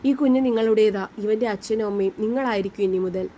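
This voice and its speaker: A woman's voice: mid-range voice, fairly quick, a little hiss or hum, natural voice. A woman voicing a kind young man who happily reassures his close friends. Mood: reassuring. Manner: gentle, reassuring.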